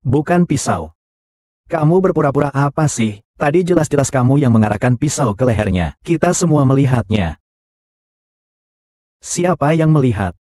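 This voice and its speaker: A man delivering every part of a dubbed drama in one flat, even voice that barely shifts from role to role. The tone is mellow and warm, and the close studio take is dry, with no room around it. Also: medium pitch, normal speed, long pauses, no room sound, close to an everyday voice. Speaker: dub voice for all roles. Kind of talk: dubbed short drama dialogue.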